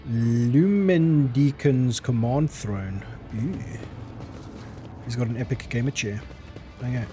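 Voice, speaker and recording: A man's voice: medium pitch, mellow, faint music behind. A man hosting a let's play, reading the game's dialogue and narration aloud and commenting casually, sometimes stopping to correct himself. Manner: casual, self-correcting, reads aloud with deliberate pacing. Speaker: gaming channel host.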